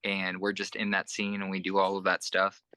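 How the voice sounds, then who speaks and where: Young male band musician, interview guest: deep, edgy tone, dry close sound, rambling with fillers. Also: completely flat delivery, normal speed, bright, forceful tone, smooth, no echo. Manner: rambling, many fillers and restarts. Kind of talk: casual interview chat.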